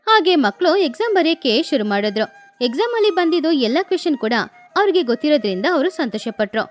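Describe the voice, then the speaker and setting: Brief: woman storyteller for a kids' cartoon; high, lively, faint music under it. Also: a little fast. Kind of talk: scripted cartoon narration.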